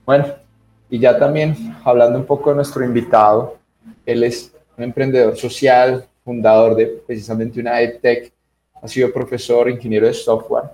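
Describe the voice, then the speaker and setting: A man's voice: medium pitch, little pitch movement, normal speed, dark tone, echoey room, a little hiss or hum. A man with a Colombian accent hosting a radio interview and introducing a guest conversationally. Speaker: radio show host.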